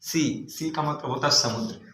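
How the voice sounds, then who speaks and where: A man teaching English vocabulary as a classroom lesson. He spells each word letter by letter, then repeats its meaning with a steady "ok". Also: mid-range voice, moderate pace. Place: large classroom. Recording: echoey room, faint background noise.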